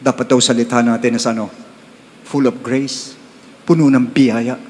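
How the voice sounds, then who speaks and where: A Filipino man preaching a sermon in a church hall, his mid-pitched voice trailing a long reverb. He mixes steady talk with sudden high bursts and drawn-out, stressed readings. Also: slight background noise. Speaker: pastor.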